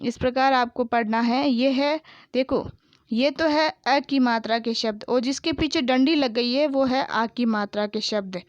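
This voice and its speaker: A woman teacher with a smooth, fairly high voice reads words aloud very slowly, one at a time, and then explains them in a patient, questioning way. The sound is dry and close, a little dull and lo-fi. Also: no room sound. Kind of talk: slow word-by-word reading lesson.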